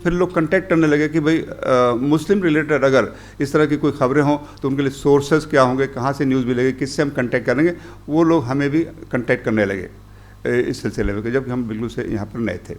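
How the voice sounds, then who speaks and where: A middle-aged man giving a workshop talk as a journalist, rambling through his points with many pauses and English phrases mixed in. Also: on the high side. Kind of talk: workshop lecture. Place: conference hall.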